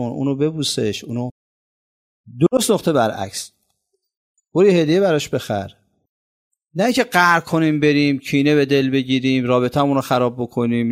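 Guy preaching, gravelly voice, goes loud then drops real quiet, mid pitch. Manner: storytelling with swings between loud emphasis and quiet low asides. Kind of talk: sermon.

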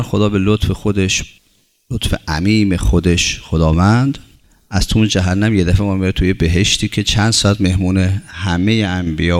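A man's voice: deep voice, gravelly. A man preaching a sermon as a religious teacher, building his points through long runs of short, repeated phrases and reciting Arabic scripture before explaining it.

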